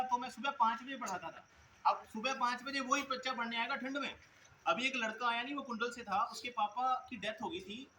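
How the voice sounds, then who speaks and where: A man's voice: very high voice, bright, forceful tone. A male coaching teacher giving an earnest motivational speech to students at a school event, telling stories and addressing them directly. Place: school event hall with audience. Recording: echoey hall with noisy ambience.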